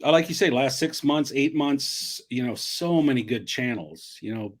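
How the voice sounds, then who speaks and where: A man's voice: medium pitch, moderate pace. A middle-aged man in a casual chat as a guest, talking in a friendly, rambling way with frequent restarts.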